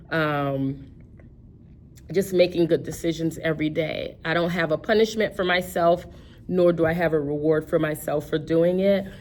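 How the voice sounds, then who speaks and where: A woman's voice: low-pitched, a little hiss or hum. A woman chatting casually about her budget, rambling with many fillers and restarts. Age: 50s. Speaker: personal finance vlogger.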